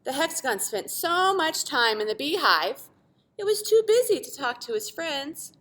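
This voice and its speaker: With a high, sing-song voice and a fairly bright tone, a woman reads a picture book to kids at a moderate pace. She performs it expressively like a teacher, adding dramatic stresses and little asides to her young audience.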